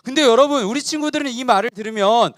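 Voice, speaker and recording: A man preaching a children's sermon, telling a Bible story in an animated way and asking the children questions. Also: extremely high pitch, fast talker, no room sound, clean studio sound.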